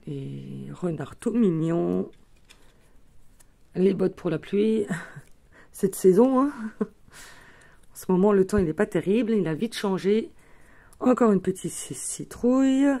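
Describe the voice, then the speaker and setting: A woman's voice: on the low side, warm tone. A woman hosting a craft tutorial, chatting casually as she shows her materials, with many small fillers. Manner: chatty, fills with "euh" and "voilà", talks while handling materials.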